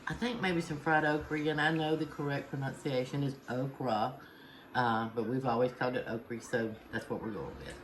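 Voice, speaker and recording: A woman's voice: rumbling low, fairly even intonation, fairly quick, hardly any pauses. Mama type, middle-aged, chatty home cook, lots of uhs, noisy kitchen behind her. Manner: chatty, homey, many "uh" fillers. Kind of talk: casual cooking demonstration.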